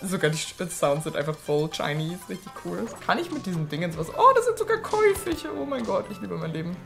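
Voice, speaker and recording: A young woman hosting a let's play, chatting excitably with frequent swearing and sudden shrieks. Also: fairly low pitch, a little fast, gravelly. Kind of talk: casual gameplay commentary. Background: faint game music.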